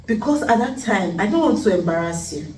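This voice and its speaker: Animated Nigerian woman telling a story. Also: mid-range voice, fairly quick, far from the mic. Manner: animated, dramatic, teasing, pidgin-laced. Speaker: vlogger. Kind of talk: casual storytelling chat. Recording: echoey room, off-mic, faint hum.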